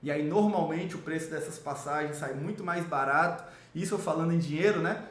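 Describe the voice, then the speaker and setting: Man, upbeat sales pitch, slightly higher voice, roomy echo. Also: fairly quick. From Salvador, Brazil. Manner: enthusiastic salesy pitch, addresses viewer directly. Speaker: miles and travel rewards coach. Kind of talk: promotional explainer video.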